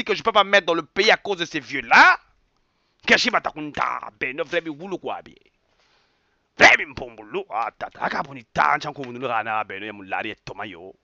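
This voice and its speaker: Mocking, gravelly man ranting. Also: high-pitched, bright, forceful tone, dry recording. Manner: repetitive, mocking, exclamatory, mixes in local phrases. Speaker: online commentator. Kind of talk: impassioned rant. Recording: dull lo-fi dry sound.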